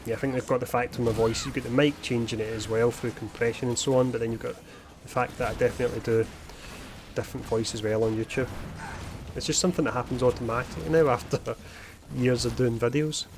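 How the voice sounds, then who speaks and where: Chatty gaming streamer. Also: male voice, medium pitch, fairly even intonation, fast talker, background noise. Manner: chatty, explanatory, self-described posh. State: had a beer. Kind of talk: casual live-stream commentary.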